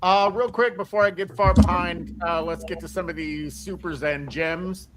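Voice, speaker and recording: A man hosting a sports stream, reading out viewer donations in a halting way with many fillers. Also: high voice, noisy background. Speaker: podcast host reading donations. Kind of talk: casual live-stream chat.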